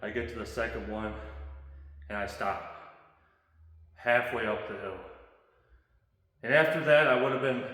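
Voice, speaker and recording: A man's voice: lowish voice, a bit bright. A man earnestly telling a motivational story to the camera as a fitness host. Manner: earnest, self-challenging. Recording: very echoey hall with long reverb.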